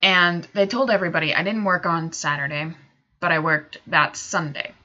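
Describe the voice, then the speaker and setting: Chatty young woman with a bright voice. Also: fairly low pitch, steady tone, normal speed, dull audio. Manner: rambling, with many fillers and asides. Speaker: video creator. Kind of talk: casual storytime narration.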